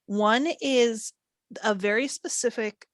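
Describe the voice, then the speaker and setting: A woman hosting a casual film podcast, leading the talk in an upbeat, deliberate way. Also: fairly high pitch, no echo, studio quality. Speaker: podcast host. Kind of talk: casual chat.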